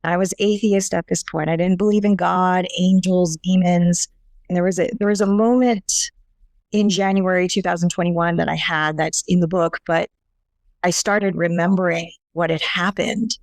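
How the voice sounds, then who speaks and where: A woman guest in an interview recounts her own story in an earnest, halting way, often circling back to restart a phrase. Her voice sits on the low side. The sound is close and dry, with no room around it. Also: fairly even intonation, dry recording. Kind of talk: personal testimony in an interview.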